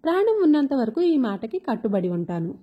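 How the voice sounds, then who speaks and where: A woman voicing an earnest young husband who speaks gently and sincerely, in a storybook reading. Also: sits high, big pitch swings, brisk, husky, full character voice. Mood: tender. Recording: dull lo-fi recording.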